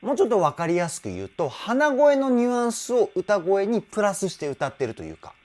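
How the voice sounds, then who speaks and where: A man working as a vocal trainer, explaining singing technique in an enthusiastic, animated way. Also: high voice, fairly quick, a little hiss or hum. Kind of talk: reaction and vocal analysis commentary.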